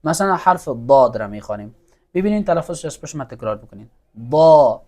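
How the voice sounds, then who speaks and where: Here a man with a slightly high voice and big pitch swings teaches Quran recitation. He runs patient classroom drills on letter sounds, has students repeat after him, and praises them.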